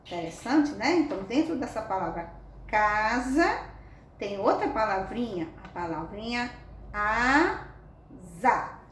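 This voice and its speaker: A woman's voice: medium pitch, big pitch swings, normal speed. A woman teaching a reading lesson to young children, with affectionate, sing-song coaxing questions. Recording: echoey room, mic at a distance, faint background noise.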